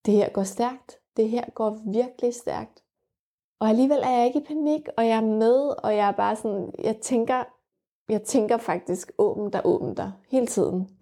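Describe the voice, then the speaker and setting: Candid young woman with a mellow voice. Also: a little high. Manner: vivid, frank and reflective, with frequent fillers. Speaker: mother telling her birth story. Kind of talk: candid personal storytelling.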